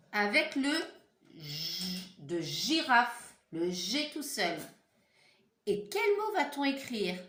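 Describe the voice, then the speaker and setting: A woman teacher slowly dictating words syllable by syllable to young children, encouraging and patient. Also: mid-range voice, fairly bright tone, echoey room. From France. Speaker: primary school teacher.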